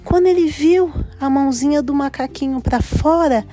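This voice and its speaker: A woman narrating a children's story in an animated, drawn-out sing-song way. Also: high-pitched.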